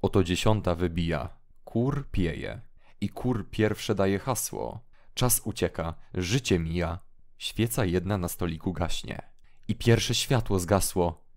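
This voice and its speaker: A brooding, feverish young hermit, read by a man in a deep, slow, mournful voice. His lines turn restless and anguished as he speaks. It is an audiobook drama reading. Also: darkish tone. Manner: mournful, rising into agitated outbursts.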